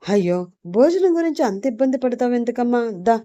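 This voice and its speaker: A woman's voice: on the high side, sing-song, fairly quick, mellow, highs cut off, pitched above the performer's own voice. A woman voicing an anxious, well-off middle-aged mother who talks in a fond, pleading way. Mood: warm.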